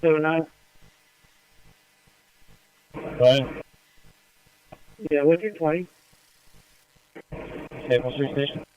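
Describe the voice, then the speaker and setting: A man calling terse unit codes over a two-way walkie-talkie radio, halting with fillers. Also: a little high, smooth, no room sound. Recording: dry lo-fi radio transmission.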